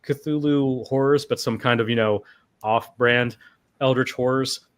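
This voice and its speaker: A man's voice: mid-range voice, fairly even intonation, a little slow. A man hosting a livestream panel, talking casually with wry, rambling asides. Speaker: host.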